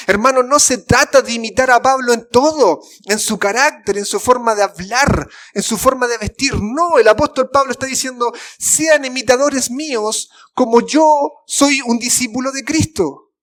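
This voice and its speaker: High-voiced Chilean man preaching fervently. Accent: Chilean Spanish. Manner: preaching with fervent emphasis, sudden drops to soft slow phrases. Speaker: pastor. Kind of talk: sermon. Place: church sanctuary.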